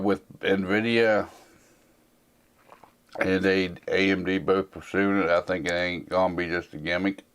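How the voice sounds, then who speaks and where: A man in his forties with a notably deep, low voice. He chats casually through viewer questions in a rambling, folksy, plain-spoken manner, full of "um" and "you know.". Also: a bit bright. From United States. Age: 40s. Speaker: host answering viewer questions. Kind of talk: casual Q&A chat.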